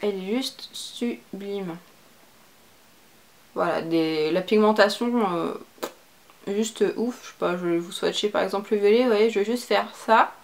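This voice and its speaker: A woman's voice: medium pitch, normal speed, gravelly. Young woman, beauty vlogger, chatty product-review delivery, mid-range voice. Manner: chatty, lots of fillers and casual slang.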